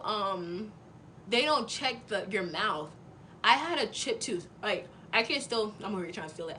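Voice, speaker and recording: A woman's voice: a little high, slight background noise. A young woman telling a personal story in a casual, chatty vlog, full of fillers. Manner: chatty and animated, with many fillers. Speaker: vlogger.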